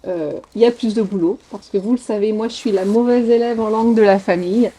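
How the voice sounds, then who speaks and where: A woman's voice: medium pitch, fast, mellow, breathy edge. A woman travel vlogger talking casually, chatty and hesitant with fillers. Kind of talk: casual chat.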